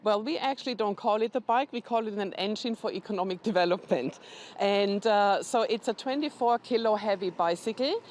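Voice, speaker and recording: A woman answers interview questions in an informative, step-by-step way as a charity representative. Her pitch is average for a woman, with faint noise behind her. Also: a little fast, a little mellow. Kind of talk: news interview.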